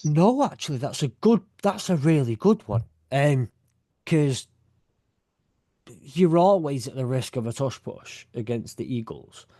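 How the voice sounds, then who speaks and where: A man's voice: mid-range voice, lively intonation, unhurried, warm tone, no echo, clean studio sound. A man from the UK hosting a podcast in casual chat, rambling and joking as he talks. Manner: rambling, jokey, self-correcting. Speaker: podcast host.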